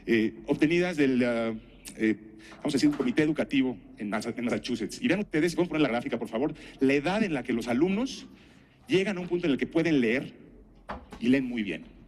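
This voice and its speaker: A man's voice: medium pitch, expressive, fairly quick, a little mellow, slight background noise. A man giving a conference talk, telling anecdotes and putting rhetorical questions to the audience. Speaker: speaker at a conference.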